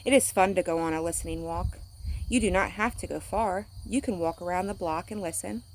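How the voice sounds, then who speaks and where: Woman, teacher, storybook read-aloud, gentle clear voice, faint outdoor hiss, crickets behind. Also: on the low side, brisk. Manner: gentle, clear, playful animal sounds.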